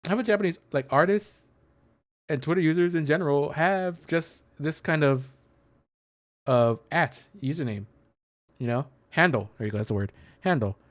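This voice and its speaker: Pitched a little high and moving at normal speed, a man hosts a game stream with relaxed, meandering commentary, thinking aloud, searching for words and reading things out. There's no room sound.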